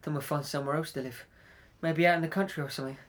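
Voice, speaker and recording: A sheepish young man in a drama, played by an actor, mumbling and pleading softly. He rushes his words at a quick pace. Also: fairly high pitch, steady tone, close to an everyday voice.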